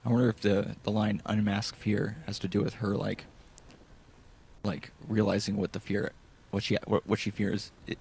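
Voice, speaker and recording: A man's voice: lowish voice, monotone, normal speed, creaky, darkish tone, slightly rough. A man doing casual let's play commentary, musing and thinking aloud as he goes. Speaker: gaming commentator.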